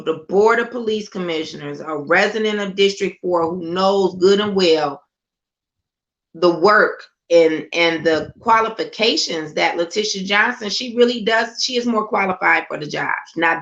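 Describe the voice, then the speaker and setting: A woman's voice: fairly low pitch, unhurried, fairly bright tone. A woman giving a fiery, sarcastic political monologue, hammering home points with repeated rhetorical questions, on a slightly dull lo-fi recording. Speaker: political commentator.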